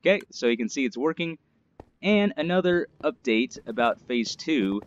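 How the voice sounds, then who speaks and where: A gaming channel host rambles chattily through let's-play commentary on his survival game series, full of fillers and sounding congested from allergies. His mid-range voice swings widely in pitch at a normal pace, and the lo-fi recording carries slight background noise.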